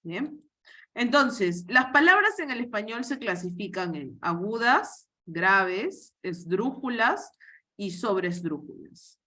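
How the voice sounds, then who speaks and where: A woman's voice: medium pitch, expressive, takes it slowly, sharp tone. A woman, teaching an online workshop on spelling rules and explaining patiently step by step with frequent checks for understanding.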